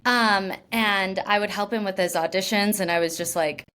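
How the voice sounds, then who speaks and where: A young woman from Washington state, being interviewed as an actress, has a mid-range voice that is a bit bright and moves at a moderate pace. She keeps things chatty and laughing, leaning on "like" and frequently starting over.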